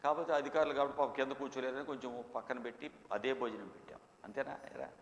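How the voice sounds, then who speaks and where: A middle-aged man preaching a sermon as pastor, shifting from quiet storytelling to loud, slow proclaiming. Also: medium pitch, fairly even intonation, lo-fi sound, noisy background. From India. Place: church hall. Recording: echoey church hall with long reverb.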